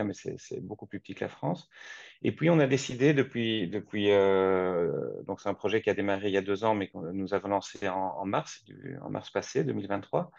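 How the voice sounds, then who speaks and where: A man from Belgium in his forties, speaking in a measured way with frequent restarts, interviewed over a video call from his office. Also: lowish voice, vocal fry, a little mellow, no room sound. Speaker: guest, company co-founder. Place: office, seated at a desk. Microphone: webcam on a video call. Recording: dull lo-fi video call audio.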